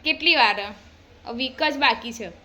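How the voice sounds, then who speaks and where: Brief: woman in her thirties, home vlogger mom, bright, slightly high voice, chatty and teasing. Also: a little slow, a little hiss or hum. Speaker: vlogger and mother. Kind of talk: casual home vlog chat.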